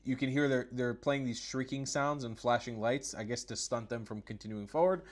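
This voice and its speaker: A man at an ordinary mid pitch runs his own commentary channel. He mocks what he shows, breaks into laughter and curses loosely, like a host riffing for his regulars. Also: moderate pace. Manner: sarcastic, laughing, swearing. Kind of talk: casual mocking commentary.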